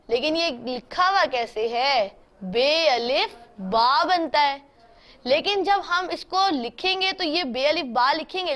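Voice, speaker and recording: A woman's voice: high-pitched, fairly bright tone. A woman teaching an online handwriting class, patiently spelling out letters one by one and asking her students questions.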